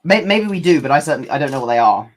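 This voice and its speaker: Young British man, friendly guest, mid-pitched voice, curious questions. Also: big pitch swings, racing, slight background noise. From United Kingdom. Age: young adult. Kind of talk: casual live-stream chat.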